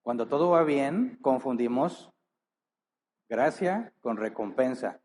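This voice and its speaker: Here a pastor's medium-pitched, darkish voice moves with lively intonation as he reads from scripture and follows it with pointed rhetorical questions. He leans hard on important words, drawing them out earnestly.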